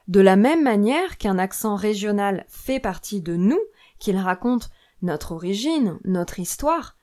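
Clear-spoken French teacher woman. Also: medium pitch, a little mellow. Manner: clear, measured and explanatory. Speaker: French teacher and podcast host. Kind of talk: scripted podcast lesson.

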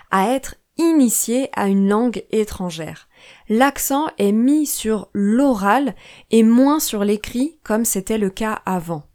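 Slow, careful French woman podcaster. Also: fairly high pitch, a little mellow. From France. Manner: slow, clear, careful delivery. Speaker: podcast host, French teacher. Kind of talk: scripted podcast narration for language learners.

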